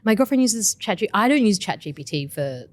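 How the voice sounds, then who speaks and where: A woman co-hosting a casual podcast, bubbly and rambling, quick to agree. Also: mid-range voice, sing-song. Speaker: podcast co-host. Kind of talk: casual chat.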